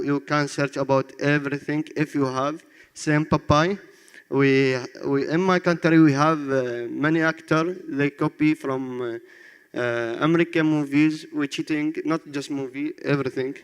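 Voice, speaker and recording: A man's voice: fairly high pitch, clear, resonant tone. Iraqi guy in his 20s, arabic accent, choppy broken english, echoey hall. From Iraq. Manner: broken English, short phrases, laughs often. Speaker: student presenting his app. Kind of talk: demo presentation.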